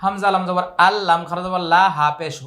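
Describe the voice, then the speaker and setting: A man from Bangladesh teaching Quran reading with a Bangladeshi accent, spelling each word letter by letter and then chanting it in long drawn-out recitation. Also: high-pitched, fairly even intonation, bright, forceful tone. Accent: Bangladeshi Bengali. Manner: slow drawn-out chanted recitation between brisk spelling drills.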